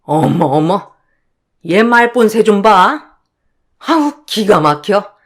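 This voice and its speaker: Woman voicing a snooty mother-in-law, sneering, slow and scornful. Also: mid-range voice, big pitch swings. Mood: contemptuous. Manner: sneering, contemptuous scolding.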